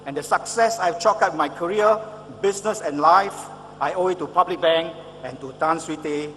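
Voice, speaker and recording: A man's voice: a little high, moderate pace, fairly bright tone, in a large hall, a little hiss or hum. A middle-aged man giving an emphatic motivational speech to an audience, full of rhetorical questions. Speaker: motivational speaker and consultant. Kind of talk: public speech.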